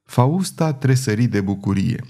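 A man narrating a novel as an audiobook in a steady, even storytelling manner. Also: fairly low pitch. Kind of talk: scripted narration.

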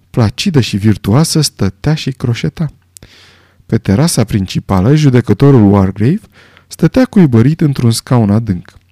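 Expressive male audiobook narrator. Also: mid-range voice, no room sound, studio quality. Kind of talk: scripted narration.

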